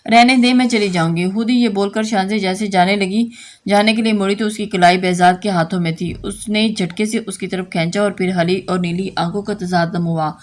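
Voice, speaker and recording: A woman's voice: medium pitch, steady tone, normal speed. A woman narrating a romance audio novel, reading steadily with occasional slips and restarts.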